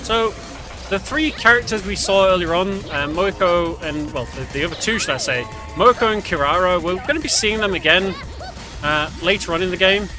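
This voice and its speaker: A speedrunner narrates his gameplay casually and a bit hesitantly, correcting himself often as he goes. His voice sits high at normal speed, backed by game music and sounds.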